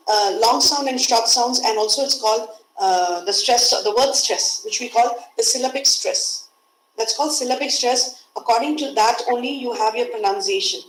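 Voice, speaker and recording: A woman's voice: on the high side, reverberant, low-quality recording. A woman with an Indian English accent, teaching English pronunciation in a webinar and explaining patiently with lots of repetition. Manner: explains patiently, repeats key words. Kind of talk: webinar lecture. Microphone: video call.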